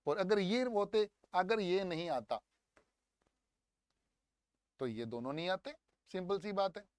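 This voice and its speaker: Lively male English teacher. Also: high voice, slow pace, dry recording. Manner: lively, coaxing, drills words aloud. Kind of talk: exam paper walkthrough lesson.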